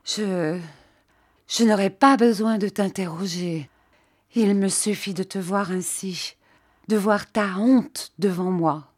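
A woman's voice: fairly low pitch, a little slow, dark tone, slightly rough, dry recording, clean studio sound. A woman reading the part of a distressed, pregnant young wife who insists on being obeyed. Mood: shaken. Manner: insistent, emotional.

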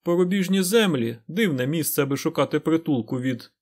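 A man's voice: a little high, lively intonation, fairly quick, a little mellow, voice pushed up. Man doing a courteous border lord. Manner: courteous and thoughtful. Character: middle-aged male border lord, courteous and thoughtful.

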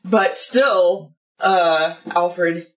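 A woman co-hosting a podcast, talking loudly and emphatically with constant swearing. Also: on the low side, drawn-out words, echoey room, far from the mic. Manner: loud, profane, emphatic. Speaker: podcast co-host. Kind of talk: casual drunk chat.

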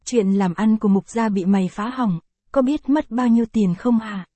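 A woman's voice: a little high, moderate pace, mellow, no room sound, natural voice. A woman voicing a cruel, brutal old patriarch in a read-aloud story, talking in a harsh, scornful and threatening way.

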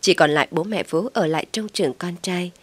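A woman narrating a story in a calm, steady storytelling manner. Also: on the low side, a little fast, breathy edge, no room sound.

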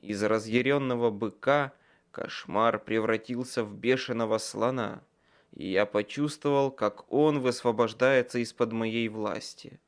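A man's voice: mid-range voice, steady tone, a little slow. Man narrating a tense audiobook. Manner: tense, dramatic storytelling. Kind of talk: first-person audiobook narration.

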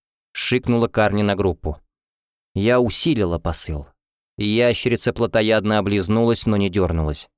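A man narrating an audiobook in a steady, even storytelling manner. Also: on the low side, normal speed, clean tone, no room sound, clean studio sound. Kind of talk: scripted narration.

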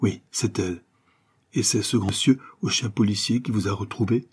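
A man reading an audiobook, voicing a voluble, kindly older woman who runs a boarding house, gushing and effusive with breathy asides. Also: on the low side, steady tone, moderate pace, a little mellow. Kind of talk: audiobook character voice.

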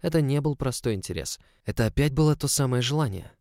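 A man's voice: mid-range voice, expressive, fast, dark tone, no echo. A man narrating a story in the first person, in an intimate, close storytelling manner. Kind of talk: audiobook narration.

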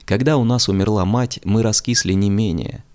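A man's voice: on the low side, moderate pace, darkish tone, voice pushed up, natural voice. A man voicing a cool, condescending teenage boy. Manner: cold, condescending.

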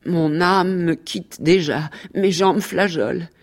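A woman's voice: fairly low pitch, voice pushed up. Toby-Chien, a woman reading as a meek little dog. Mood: dramatic. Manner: slow, lilting literary reading. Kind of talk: archival radio reading of a dialogue between animals.

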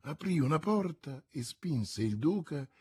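A man with a husky voice narrating a classic novel aloud in a measured, dramatic storytelling manner. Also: fairly high pitch, expressive, a little mellow. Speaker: audiobook narrator. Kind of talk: scripted literary narration.

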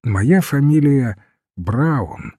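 A man reading the part of a mild priest who answers sadly and quietly. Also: mid-range voice, sing-song, slow, breathy edge, no echo, clean studio sound, pitched above the performer's own voice, full character voice. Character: mild, sorrowful little priest.

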